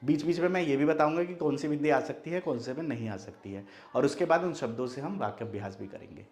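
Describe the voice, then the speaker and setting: A man's voice: medium pitch, fast talker, darkish tone. A man teaching Hindi spelling who keeps asking rhetorical questions to his students. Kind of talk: classroom explanation.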